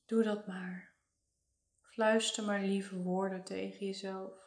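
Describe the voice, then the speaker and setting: A woman leading a guided meditation in a soothing, hushed, lingering delivery. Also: mid-range voice, level tone, slow, roomy sound.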